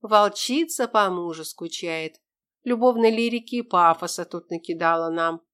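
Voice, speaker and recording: A woman reading an audiobook, voicing a sharp-tongued woman soldier who teases sarcastically. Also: fairly low pitch, normal speed, lightly acted. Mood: mocking. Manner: sarcastic, teasing.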